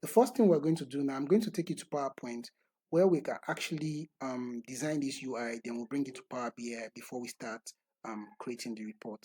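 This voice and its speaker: A man talking through a screen-recorded software tutorial step by step, in a methodical way. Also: medium pitch, fairly quick, breathy edge, no room sound, rough recording. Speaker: tutorial instructor.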